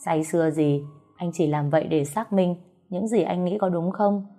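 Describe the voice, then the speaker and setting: A woman reading a gruff, tender young husband. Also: lowish voice, steady tone, normal speed, close to an everyday voice. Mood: soothing. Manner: scolding then soothing, plain speech. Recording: soft music behind the voice.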